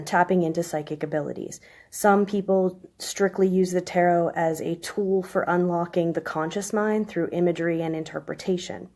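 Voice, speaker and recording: A woman in her thirties with a chest cold, hoarse with a smoker's rasp, giving a halting, informal explanation on a live stream. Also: lowish voice, a little mellow. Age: 30s. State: chest cold, coughing and clearing throat. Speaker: live stream host, tarot reader. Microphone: phone.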